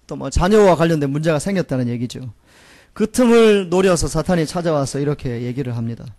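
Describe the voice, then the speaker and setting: A man's voice: fairly high pitch, a little mellow. A male pastor preaching a Sunday sermon, asking rhetorical questions in an earnest manner.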